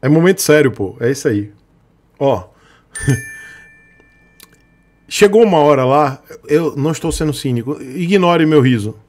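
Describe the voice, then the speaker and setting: A man's voice: a little high, expressive, unhurried, long pauses, darkish tone. A man with a Brazilian Portuguese accent, ranting sarcastically and joking with his live-stream chat. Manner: sarcastic, joking, with frequent chuckles. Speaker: motorcycle vlogger on a live stream. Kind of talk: casual live-stream rant.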